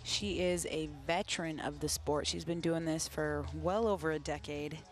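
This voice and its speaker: A woman's voice: low voice, fairly even intonation, normal speed. A woman giving conversational color commentary on a live fight broadcast.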